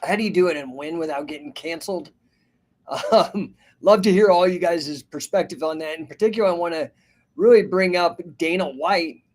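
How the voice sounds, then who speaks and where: A man's voice: a little high, moderate pace, a little mellow. A man in his fifties hosting a live stream, chatting casually and rambling as he reads out viewer names and comments. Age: 50s. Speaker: host and business coach. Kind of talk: casual livestream talk.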